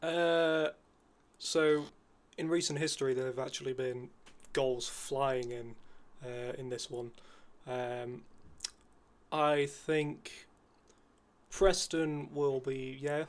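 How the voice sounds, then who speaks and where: A man guesting on a casual football predictions chat, relaxed with frequent ums and uhs. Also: medium pitch, slow.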